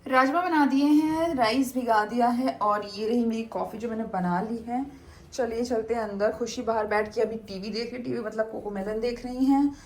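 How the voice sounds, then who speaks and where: A woman's voice: fairly high pitch, moderate pace, a little hiss or hum. A woman with an Indian accent chatting casually in a home vlog as a mother. She mixes English words into her talk and uses many fillers. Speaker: mother vlogger. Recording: echoey room, mic somewhat far.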